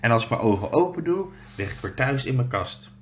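A man's voice: mid-range voice, very animated, fairly quick, a little hiss or hum, lightly acted. A young boy musing, read by a man. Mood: dreamy. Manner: quiet, musing to himself. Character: eleven-year-old boy, dreamy and hopeful.

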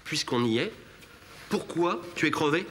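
An actor playing a jealous young Frenchman in a sitcom argument, fussy, defensive and quick. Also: fairly high pitch, expressive, background noise. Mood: accusing. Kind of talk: 1980s French sitcom acting.

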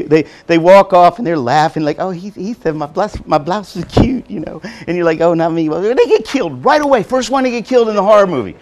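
A man giving a lively, joking motivational talk to nursing assistants, acting out quotes as he goes. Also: on the high side. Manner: animated, joking, acts out quotes. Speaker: motivational speaker. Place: college hall before an audience.

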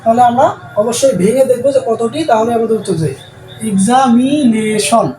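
A man's voice: extremely high pitch, quick pace. A male teacher, giving a classroom lesson and answering his own questions over and over. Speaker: English teacher. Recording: roomy sound with faint background noise.

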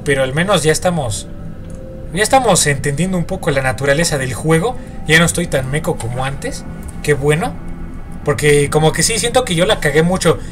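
A young man with a Mexican Spanish accent plays a horror game and talks it through for his viewers. His voice sits a little high, and he jumps, curses and mutters to himself as he goes. Faint game music runs behind him. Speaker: gaming YouTuber. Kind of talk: horror game let's play commentary.

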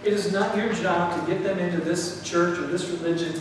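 A middle-aged man preaching a sermon in a church, animated, acting out what people think. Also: high-pitched, brisk, noisy background. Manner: animated, gesturing while preaching, acts out quoted thoughts. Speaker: pastor. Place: church sanctuary, indoors. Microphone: far camera, no mic worn. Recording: echoey hall from far off.

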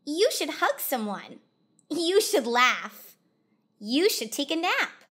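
Woman as a cheery, high-pitched nosy jungle animal. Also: sing-song, slow pace, fairly bright tone, full character voice. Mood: cheerful urging. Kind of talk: children's storybook read-aloud.

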